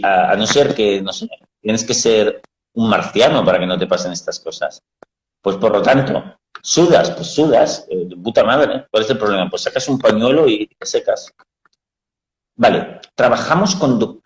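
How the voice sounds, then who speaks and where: Low-voiced man talking frankly, roomy echo. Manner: frank, explanatory, uses blunt everyday words. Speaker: psychologist host. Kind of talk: casual live talk.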